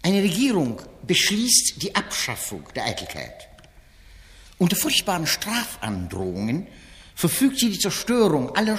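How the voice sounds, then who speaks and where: A man giving a formal public reading, introducing a play in a measured, declamatory way. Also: fairly high pitch, a bit bright. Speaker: author-style reader introducing a play. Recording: long reverberant hall.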